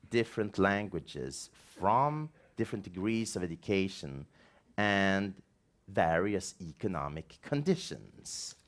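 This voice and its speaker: A man with a Swedish accent whose first language is Swedish, giving a formal presentation of his report in a measured, halting way with restarts. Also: low voice. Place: seminar room.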